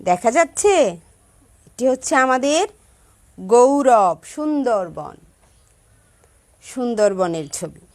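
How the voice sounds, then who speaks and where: Woman from Bangladesh, primary school teacher, patient, careful pronunciation, slow pace. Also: on the high side, sing-song. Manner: patient, stresses careful pronunciation, checks in with pupils. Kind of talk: classroom song lesson for children.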